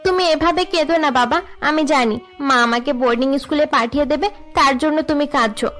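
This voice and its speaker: A woman's voice: high voice, a little fast, a bit bright, soft background music. A woman voicing a loving five-year-old girl in a cartoon, eager and pleading with her father. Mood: sweet pleading.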